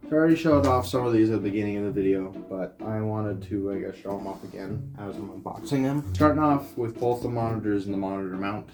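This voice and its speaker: Low-voiced young man vlogging. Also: fast talker, few pauses, music in the background. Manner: rambling, candid, talks while working. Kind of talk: casual on-camera vlogging.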